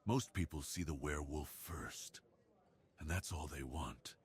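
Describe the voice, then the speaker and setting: Heavily acted and wistful, this ASMR roleplay has a man voicing a lonely werewolf who slowly and intimately confesses his yearning. The voice is husky, extremely deep and very breathy, and the mood stays brooding throughout.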